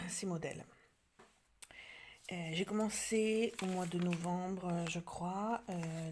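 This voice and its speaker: A woman's voice: on the low side, slight background noise. Hesitant French woman showing her stitching. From France. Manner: hesitant, many fillers and restarts; drops to soft near-whispers while showing details. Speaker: craft vlogger. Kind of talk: casual show-and-tell.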